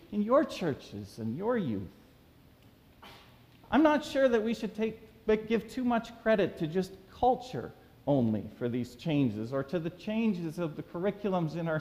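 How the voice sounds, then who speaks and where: A man preaching a sermon as pastor, reading scripture aloud and then telling a story with animated emphasis, recorded in a church sanctuary. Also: high voice. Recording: church with long reverb.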